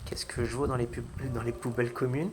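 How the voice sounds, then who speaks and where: A man's voice: mid-range voice, flat delivery, fairly quick, background noise. A young man from Portugal vlogging his travels, chatting casually and jokingly to his viewers. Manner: slangy, joking, addresses viewers as "les gars". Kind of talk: casual vlog chat to camera.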